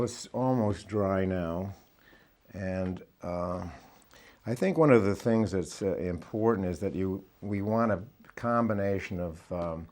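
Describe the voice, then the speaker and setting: A man giving a relaxed watercolour painting demonstration, thinking aloud as he works. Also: sits low. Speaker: watercolour instructor.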